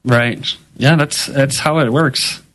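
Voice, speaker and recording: A man with a mid-pitched voice talks as a journalist in a casual, conversational way. His commentary rambles along loosely, with frequent filler phrases. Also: fairly even intonation, slow pace, a bit bright, rough recording.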